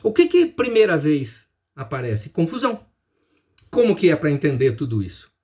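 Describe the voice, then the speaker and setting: A man's voice: on the high side, very animated, moderate pace, warm tone. A man with a Brazilian Portuguese accent giving a business lecture, emphatic, asking and answering his own questions. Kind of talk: recorded lecture.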